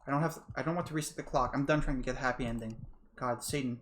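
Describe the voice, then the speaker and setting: A man's voice: mid-range voice, fairly even intonation, racing, a bit bright, a little hiss or hum, natural voice. A man voicing a young woman stuck in a time loop, narrating her despair in the first person. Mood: broken. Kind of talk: narrating a game in character.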